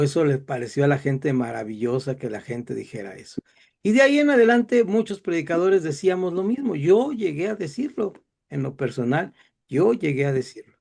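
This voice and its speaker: A middle-aged Bible teacher with a Mexican Spanish accent lectures in a chatty, digressive way, dropping self-deprecating asides. His voice sits on the high side, gravelly and darkish.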